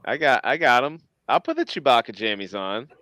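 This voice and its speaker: A man co-hosting a casual livestream who gets excited easily and laughs a lot. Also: medium pitch, brisk, no room sound. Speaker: podcast co-host.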